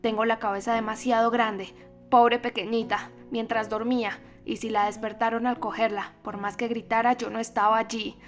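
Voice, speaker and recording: A woman's voice: on the high side, level tone, normal speed, soft background music, lightly acted. A woman voicing a deranged, grieving old female recluse who raves and mocks in a singsong, in a storybook reading. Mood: raving grief. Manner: mocking singsong, raving.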